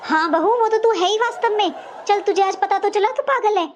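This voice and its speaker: A woman voicing a sharp-tongued older mother-in-law in a cartoon, taunting and sarcastic in every line. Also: extremely high pitch, brisk, a faint crowd, a little hiss or hum. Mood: sarcastic scolding. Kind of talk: cartoon voice acting.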